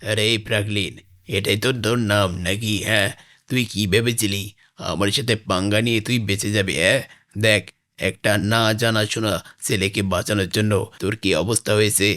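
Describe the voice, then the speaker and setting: A greedy cartoon gang boss, voiced by a man speaks low and taunting. He bosses his henchmen and mocks his victims. The voice sits on the deep side. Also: fairly even intonation, fairly quick, a bit bright, close to an everyday voice. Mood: menacing. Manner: taunting, bossy. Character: menacing male gang boss, greedy and mocking. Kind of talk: animated game-parody voice acting.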